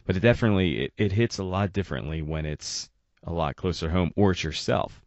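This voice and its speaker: A man's voice: sits low, fairly quick, no room sound, lo-fi sound. A man hosting an interview, asking long, rambling questions full of "you know". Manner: rambling, searching for words with many "you know"s. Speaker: podcast host.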